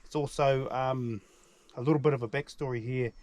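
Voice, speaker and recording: A man's voice: mid-range voice, fairly even intonation, normal speed, darkish tone. Man with a broad Kiwi accent. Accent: broad New Zealand. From New Zealand. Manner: laid-back, slangy, matey. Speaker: hunting vlog host. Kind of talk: casual outdoor vlog talk and narration. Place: outdoors in a mountain valley.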